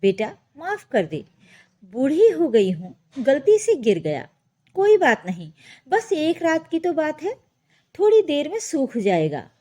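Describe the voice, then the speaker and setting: A gentle elderly mother, as a woman storyteller puts her on, speaking softly and tenderly. Her voice is high and lively in pitch, and she speaks slowly. The tone is dark and mellow. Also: full character voice. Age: older. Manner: soft, tender.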